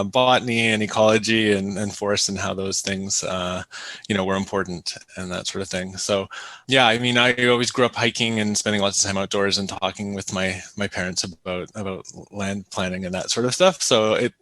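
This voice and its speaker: Bright-voiced Canadian-born man, dry sound. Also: lowish voice, fairly even intonation, a little fast, no room sound. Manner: thoughtful, many restarts. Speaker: guest, landscape ecologist. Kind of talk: conversational interview answers.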